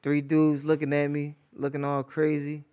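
A man's voice: a little high, completely flat delivery, normal speed, dark tone, clean tone. A man telling stories as an interview guest in loose, casual street slang with a conversational bro manner.

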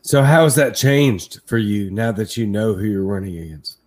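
A man's voice: fairly low pitch, moderate pace, a little mellow. A man from Louisiana hosting a live interview stream, informal and candid, with rambling asides. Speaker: interview show host.

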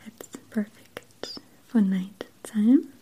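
A woman whispers in a breathy, unhurried ASMR roleplay, playing a gentle shop assistant. Her whisper sits very close to the microphone and has a deep, mellow darkness. A faint hiss lies under it. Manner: soft unvoiced whisper, slow and soothing.

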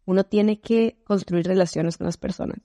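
A Costa Rican woman guesting on a podcast, her voice mellow and dark rather than bright. She tells stories with animated, expressive swings and laughs along the way. The recording is close and dry, with no room sound. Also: medium pitch, normal speed, no echo. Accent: Costa Rican Spanish. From Costa Rica. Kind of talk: casual interview chat.

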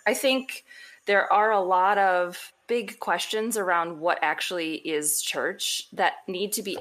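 Woman pastor chatting on a podcast, laughs a lot, lowish voice, lively asides. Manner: animated, laughs often, quick asides. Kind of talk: casual podcast conversation.

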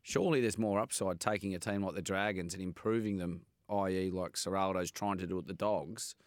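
Australian man, opinionated radio co-host, low pitch, dry studio. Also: fairly quick, dry recording. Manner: opinionated, asks questions, laughs easily. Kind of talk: casual sports radio chat.

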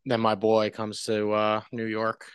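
A man, a guest sportswriter, chatting casually on a podcast in a relaxed, rambling way with frequent restarts. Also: fairly low pitch, unhurried, clear, resonant tone, no echo.

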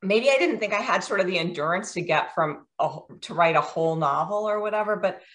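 A woman's voice: fairly low pitch, fairly quick, a bit bright. An American woman in her forties, a guest author, talking in a chatty, self-deprecating way with frequent ums. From United States. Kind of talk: casual interview.

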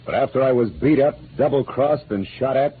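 This American man, playing the lead in a classic radio noir from the 1940s-50s, narrates as a wry, hardboiled private detective with clipped delivery. His mid-range voice is a little fast and close to an everyday voice. The old radio recording is muffled, with music and slight background noise.

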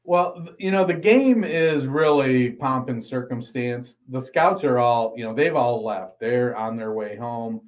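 A man co-hosting a football podcast, reading an ad and then talking through prospects in a measured, analytical way. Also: medium pitch, poor audio. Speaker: podcast co-host. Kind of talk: casual sports talk and ad read.

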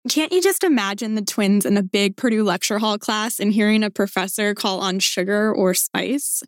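A woman's voice: mid-range voice, normal speed, dry recording, studio quality. A woman hosting an alumni podcast, reading scripted introductions and asking questions in an upbeat, inviting way. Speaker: podcast host. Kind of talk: scripted narration and interview.

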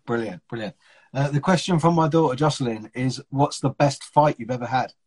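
A man hosting a podcast, relaxed, asking a guest questions sent in by listeners. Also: mid-range voice, brisk. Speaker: podcast host. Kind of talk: casual interview.

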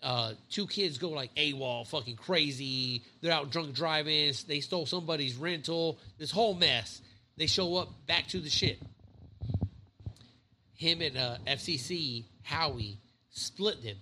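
Bright-voiced man in his thirties, swearing freely. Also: on the high side, measured pace, a little hiss or hum. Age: 30s. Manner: profane, rambling storyteller. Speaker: podcast host, Navy chief. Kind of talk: casual chat.

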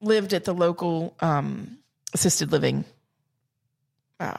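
Southern woman, low-ish voice, lively comic storyteller for casual podcast banter. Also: slow, creaky. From South Carolina and Georgia. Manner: animated, humorous storyteller. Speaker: podcast co-host.

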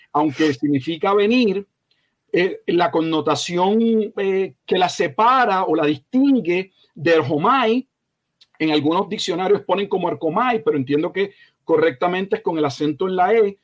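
A man, a pastor and invited expert, explaining biblical terms in an interview with emphatic, corrective and deliberate delivery. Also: sits high. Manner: slow, deliberate delivery with frequent hesitations. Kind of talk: teaching interview answer.

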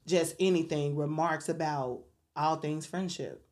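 Low-voiced woman hosting a podcast. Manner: warm, churchy exclamations and slow mantra reading. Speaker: podcast host. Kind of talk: casual podcast chat.

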